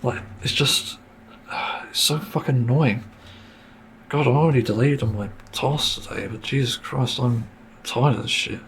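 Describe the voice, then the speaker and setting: A man's voice: medium pitch, a little slow, a bit bright, slight background noise. Exasperated man ranting solo. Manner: frustrated, swearing, many fillers and sighs. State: sore throat, mint in mouth. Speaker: podcast host. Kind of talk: solo podcast rant.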